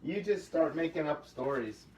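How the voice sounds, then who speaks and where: Leading a casual puppetry workshop at a studio table, this middle-aged man is encouraging and laid-back, often going off on tangents. He speaks at normal speed in an animated, darkish voice on the high side. A slightly distant mic picks up faint room hum.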